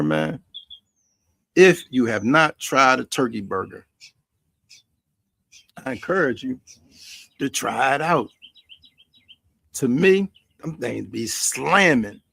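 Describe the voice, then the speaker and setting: An American man with a mid-range voice and vocal fry hosts a casual cooking and chat stream from his backyard grill, where it's quiet outdoors. He rambles in a folksy way and keeps repeating phrases to stress them.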